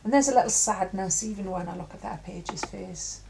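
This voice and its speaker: A middle-aged woman giving an intuitive tarot reading in a musing, halting way with many fillers. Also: mid-range voice, gravelly, background noise. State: coughing at times. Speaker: tarot reader.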